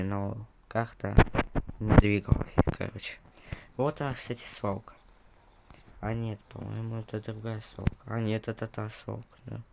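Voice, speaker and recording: A young gaming video creator casually comments on his gameplay, rambling and correcting himself as he talks to viewers while recovering from a cough. His voice is on the low side and creaky, with background noise.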